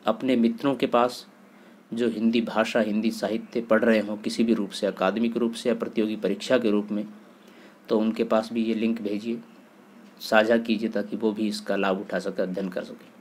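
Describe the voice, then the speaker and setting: A man's voice: on the low side, moderate pace. A man teaching a Hindi grammar lesson to students, reciting word pairs methodically and stressing key points. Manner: steady, methodical recitation with emphatic explanations.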